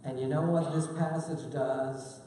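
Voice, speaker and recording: A man's voice: fairly high pitch, fairly even intonation, unhurried, slight background noise. Impassioned male pastor in an echoey hall. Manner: earnest, swings between hushed and impassioned delivery. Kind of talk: sermon. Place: church sanctuary. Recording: echoey hall, distant mic, faint ambience.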